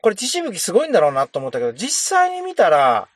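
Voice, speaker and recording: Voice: mid-range voice, wildly swooping pitch, fast, no echo, clean studio sound. A participant in a casual movie review chat, thoughtfully recalling first impressions.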